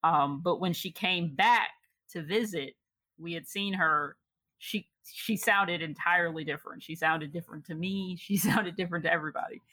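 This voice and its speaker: A woman's voice: fairly low pitch, moderate pace, pushed and bright, dry recording. A young woman from Chicago telling a personal story in casual conversation, laughing often and reflecting with many fillers.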